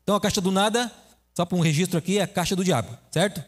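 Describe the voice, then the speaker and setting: High-voiced preacher in an echoing hall. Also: male voice, rapid-fire. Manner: conversational, asks the audience questions. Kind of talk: sermon. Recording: echoey hall reverb.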